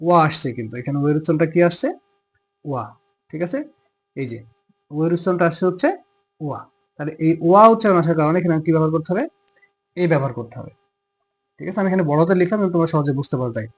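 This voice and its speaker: A man teaching in a husky, somewhat high voice with a Bangladeshi accent. He talks fast and explains each step by asking a question and answering it himself, like a teacher in front of a class. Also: animated. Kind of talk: classroom grammar lesson.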